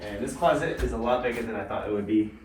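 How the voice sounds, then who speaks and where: A man giving a casual, low-key walk-through house tour as a real estate agent, tentative and mildly approving. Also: quick pace. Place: inside a mostly empty house, walking through. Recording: echoey empty rooms, distant mic, background noise.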